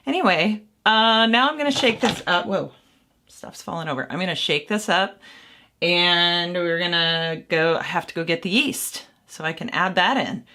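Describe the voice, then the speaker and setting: Woman, low voice, casual how-to vlog, rambling, self-deprecating, home kitchen. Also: normal speed, pushed and bright. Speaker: home mead maker.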